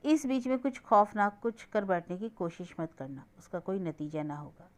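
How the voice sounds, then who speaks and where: A woman's voice: medium pitch, animated, a little mellow, lightly acted. A woman reading a remorseful young man pleading. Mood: earnest pleading. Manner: earnest, pleading, measured.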